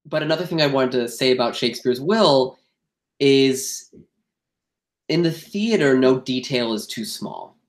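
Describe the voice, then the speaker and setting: A man, a theater actor and director, telling candid stories, animated and acting out quoted exchanges. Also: mid-range voice, measured pace. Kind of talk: candid interview storytelling. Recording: roomy echo.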